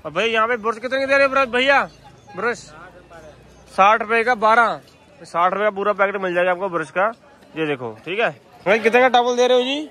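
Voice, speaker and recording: Walking through a crowded outdoor street market, a man vlogs for viewers, asking vendors about prices in repetitive, salesy commentary. He speaks fairly quickly in a high, bright, forceful voice.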